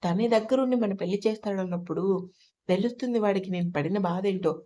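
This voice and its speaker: A woman's voice: medium pitch, fast talker, mellow, natural voice. A woman voicing a reassuring young man.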